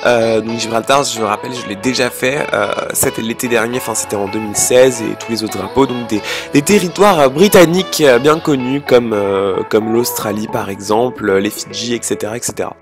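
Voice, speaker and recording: A man's voice: medium pitch, a little fast, music in the background. A French teenage boy from France narrating his travel vlog in a chatty way, full of fillers and restarts. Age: teens. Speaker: travel vlogger. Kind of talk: casual travel vlog voice-over.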